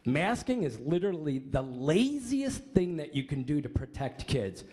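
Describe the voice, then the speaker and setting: A man's voice: fairly high pitch, very animated, moderate pace, a little mellow. An American man reading out a prepared public comment in an accusatory, emphatic manner.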